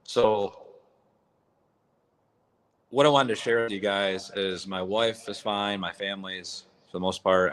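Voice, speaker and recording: Low-voiced man echoing in a barn. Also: fairly bright tone. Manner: raw, blunt, rambling. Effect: echoey barn sound. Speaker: livestream host. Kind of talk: casual livestream chat. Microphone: phone or app mic.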